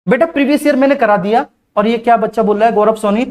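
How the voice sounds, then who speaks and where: A male teacher giving a live online class, speaking slowly and deliberately, repeating key points and calling his students "beta". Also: extremely high pitch, darkish tone. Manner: slow, deliberate delivery.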